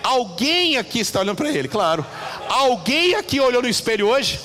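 A man preaching a lively sermon to a congregation, asking questions and acting out little voices. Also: extremely high pitch, fairly quick, slight background noise. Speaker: pastor. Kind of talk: lively sermon with audience interaction. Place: church hall. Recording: reverberant church hall, faint ambience.

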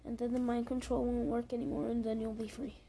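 A bold young female dragon with a fierce, encouraging way of talking, as a woman reading a storybook puts her on. The voice sits high but comes across darkish and gravelly, with a narrow range. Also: flat delivery, quick pace, mellow, a little hiss or hum, natural voice. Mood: eager.

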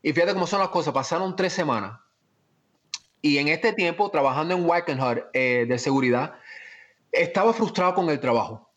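A man with a Cuban accent, an actor telling stories from his career in an animated, emphatic way. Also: on the high side, normal speed. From Miami, United States. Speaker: actor guest. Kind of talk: casual anecdotal storytelling.

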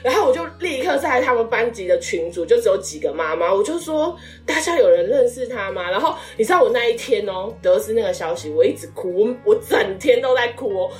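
A woman's voice: fairly high pitch, a little fast, hardly any pauses, recorded from a distance, soft background music. A woman in her thirties, a guest in a casual chat, telling a personal story with feeling and acting out what people said. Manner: emotional storytelling, animated quoted speech.

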